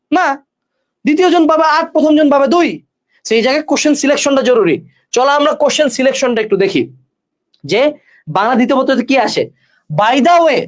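A male exam-prep tutor, giving students brash, joking study advice and talking straight to them. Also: very high voice. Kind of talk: energetic study-tips lesson with course promotion.

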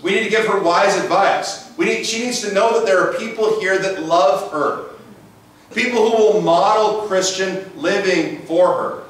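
This middle-aged pastor has a high-pitched, big voice and preaches a bit slowly, asking rhetorical questions in a conversational sermon. Recorded from a distance by a camera and room mic in an echoey sanctuary, the audio carries a slight hiss or hum.

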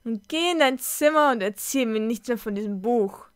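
A woman voicing a worried, strict mother in a storybook, speaking softly. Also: a little high, normal speed, smooth, no room sound, studio quality, close to an everyday voice.

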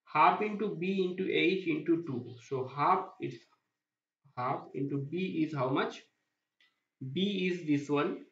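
Slowly working through a welding calculation on a digital whiteboard, a welding inspection instructor poses questions and then answers them himself, repeating points as he goes. His voice is somewhat high and a little bright, recorded as a voice-over to the screen drawing with a roomy, dull, lo-fi sound.

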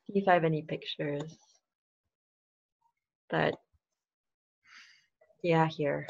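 This woman's voice sits low, creaky and husky, with a steady tone and slow pace. In her forties and from the Philippines, she hosts an easygoing webinar from a dim home room, laughing often, with her laptop webcam mic producing slightly muffled sound.

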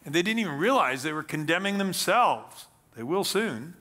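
Bright-voiced man preaching a sermon. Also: on the high side, moderate pace. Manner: animated, gesturing, reads scripture aloud then explains. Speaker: pastor. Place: church stage with pulpit.

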